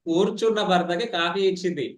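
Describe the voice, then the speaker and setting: A man runs an online public speaking class. His voice sits a bit high and the words come quickly. He is animated and teases his students, and the room gives his voice a roomy echo. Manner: fast, animated, teasing participants. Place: online meeting.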